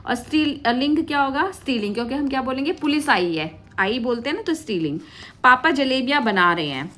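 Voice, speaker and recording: A woman with a somewhat high voice teaches grammar in a patient classroom manner. She keeps asking questions and answering them herself, calling her students "beta" as she works through each example. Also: fairly bright tone, a little hiss or hum. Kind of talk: classroom-style grammar lesson.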